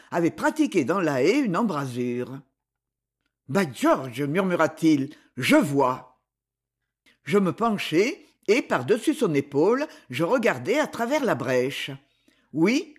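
A man narrating an adventure novel as an audiobook, in a measured, dramatic storytelling manner. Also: sits high, husky.

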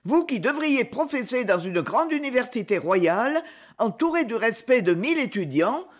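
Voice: mid-range voice, very animated, moderate pace. An audiobook reader voicing a small, fiery wife who scolds her husband in a raised, indignant voice. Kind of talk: audiobook character reading.

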